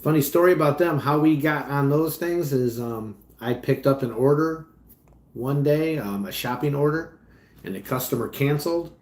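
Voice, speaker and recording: A man's voice: on the high side, moderate pace. Casual male streamer, rambling and conversational, recorded in a roomy, echoing space. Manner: rambling, chatty, trails off quietly. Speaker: livestream host and delivery driver. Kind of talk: casual livestream chat reading comments. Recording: echoey room.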